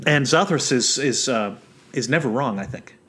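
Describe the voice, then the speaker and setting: A man co-hosting a podcast in casual chat, deliberate and hesitant, with many fillers. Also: mid-range voice, animated, a bit bright. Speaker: podcast co-host.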